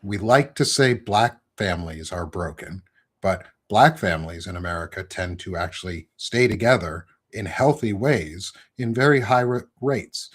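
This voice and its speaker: A man's voice: low-pitched, lively intonation, moderate pace, a bit bright, slightly rough. A man in his thirties hosting a casual interview, rambling and correcting himself often with many ums. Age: 30s. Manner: rambling, filler-heavy, self-correcting. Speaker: podcast host.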